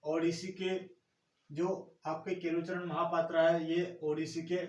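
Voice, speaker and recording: A male teacher runs an exam-prep lesson and keeps quizzing his students with rhetorical questions. His voice is fairly high. He sounds roomy and set back from the microphone. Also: flat delivery, unhurried, lo-fi sound. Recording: echoey room, mic at a distance.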